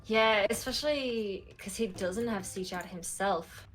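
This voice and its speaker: A woman's voice: medium pitch, unhurried, fairly bright tone, soft background music. A woman co-commentating a live strategy game match, upbeat and playful, laughing often. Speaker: esports co-caster.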